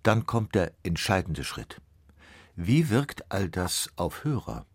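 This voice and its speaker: A man's voice: sits low, sing-song, slow pace, dry recording, clean studio sound. A man narrating a radio or TV feature in a scripted voice-over. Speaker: documentary narrator.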